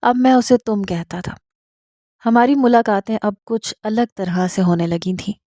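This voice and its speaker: A woman reading a romantic story aloud in a steady, scripted first-person style. Her voice is mellow and sits at a middle pitch. The recording is close and dry. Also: no echo.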